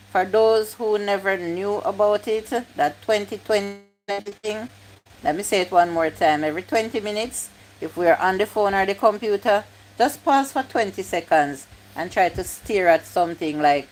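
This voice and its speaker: A woman in her fifties chats casually on a YouTube livestream, reading comments aloud and repeating her points. Her voice is medium-pitched and a little mellow, and the recording quality is low.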